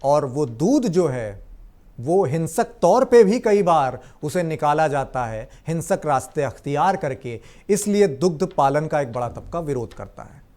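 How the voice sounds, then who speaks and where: Deferential male interviewer, higher voice. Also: animated, a little slow, warm tone. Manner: deferential, many "hmm" and "ji" acknowledgements, some hesitation. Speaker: interviewer, host. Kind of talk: interview questions and backchannel.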